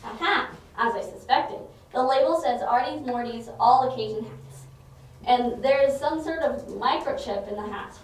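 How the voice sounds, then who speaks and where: An earnest, sensible detective's sidekick acted by a woman in a comedy drama, explaining with care. The voice is very high, distant and washed in strong room echo. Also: normal speed, natural voice. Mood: resolute. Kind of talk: theatrical comedy drama acting. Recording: very echoey room, distant mic, faint noise.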